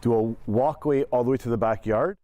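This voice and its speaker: A man giving an unscripted news interview as a homeowner, speaking haltingly and repeating words. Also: mid-range voice, dark tone.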